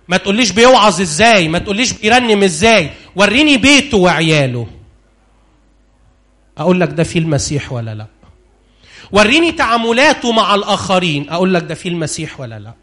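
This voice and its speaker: A man preaching a sermon in Egyptian Arabic, animated and constantly questioning his congregation. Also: sits high.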